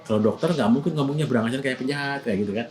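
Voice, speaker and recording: A man's voice: medium pitch, racing, a little mellow, soft background music. A man casually explaining acting methods, often breaking into short acted example lines. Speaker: acting teacher.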